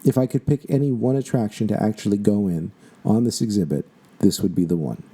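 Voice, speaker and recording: A man narrating a scripted exhibit tour in the calm, measured manner of a museum guide. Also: lowish voice, husky.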